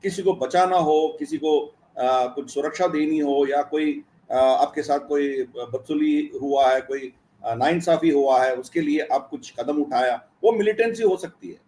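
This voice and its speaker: A man's voice: fairly high pitch, a little slow, dark tone. A man speaking as an interview guest, explaining at length with frequent hesitations and filler sounds. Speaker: guest commentator. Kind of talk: interview answer.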